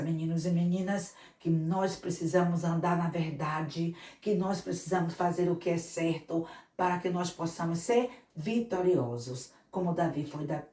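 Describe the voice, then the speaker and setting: A woman missionary telling a Bible story to children in an animated way, often calling out to them. Her voice sits fairly low and sounds distant in a roomy, echoing space. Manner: animated, addresses children directly. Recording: echoey room, mic far off.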